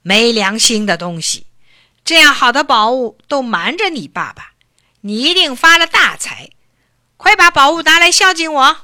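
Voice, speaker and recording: A woman voicing a greedy, nagging old father in a storybook tale, loud and pleading with drawn-out words. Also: high-pitched, sing-song, no room sound, studio quality, pitched above the performer's own voice, heavily acted. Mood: wheedling, shouting. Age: older.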